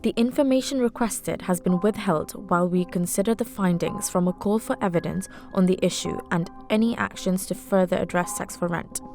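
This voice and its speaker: A woman's voice: fairly low pitch, brisk, few pauses, darkish tone, faint music behind. A woman delivering scripted news narration as a reporter.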